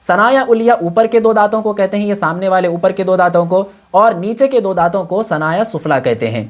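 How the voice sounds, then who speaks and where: A man's voice: high voice, lively intonation. A man teaching Quran reading with tajweed, explaining patiently step by step and mixing English words into his talk. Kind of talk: tajweed lesson.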